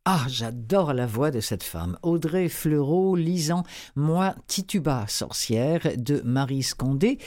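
A man's voice: on the high side, expressive, slow, darkish tone. A man with a Quebec French accent hosting a book show, talking casually and enthusiastically, with many hesitations. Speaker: radio book-show host. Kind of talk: casual spoken book review.

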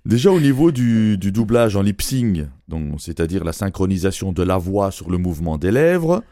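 A fairly low-voiced man delivering a joking radio column into a studio mic, his pitch leaping up and down as he teases and laughs at his own asides. The sound is dry and close, with no room around it. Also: sing-song, normal speed, warm tone, no room sound. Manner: joking, teasing, laughs between lines. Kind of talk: humorous radio chronicle.

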